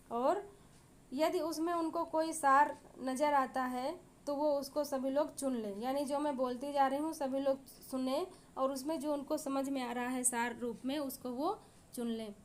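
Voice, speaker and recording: A woman's voice: high-pitched, fairly even intonation, unhurried, a little hiss or hum. A woman teacher explaining a classic Hindi poem line by line, reading verses and then paraphrasing them with frequent fillers. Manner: reads verses aloud, then paraphrases in plain words with many fillers.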